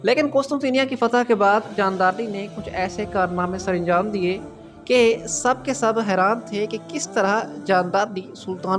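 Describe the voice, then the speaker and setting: A man hosting a drama review channel, speaking in a formal commentary style and often addressing his viewers directly with a raised, emphatic voice. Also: high voice. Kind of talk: scripted-sounding video commentary.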